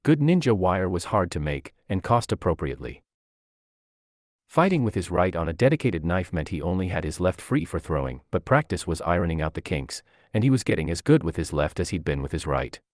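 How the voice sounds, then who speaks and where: A man narrating a fan fiction story aloud in an expressive, lively storytelling manner. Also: deep voice, a little fast, dry recording, clean studio sound.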